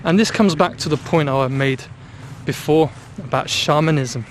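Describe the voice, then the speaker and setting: A man hosting a spiritual vlog, speaking in slow, emphatic, commanding declarations, recorded outdoors in the countryside. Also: fairly high pitch, slight background noise. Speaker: channel host.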